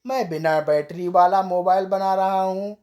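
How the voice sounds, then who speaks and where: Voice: mid-range voice, steady tone, unhurried, warm tone, lightly acted. A storyteller voicing a cheerful, boastful village inventor man who is always sure of his silly ideas.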